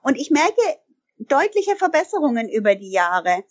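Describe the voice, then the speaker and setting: Speaking at a normal pace in a lo-fi recording, this very animated woman has a voice on the high side. She owns a language school, is a native bilingual in German and English, and gives emphatic interview answers, often stopping to correct herself partway through.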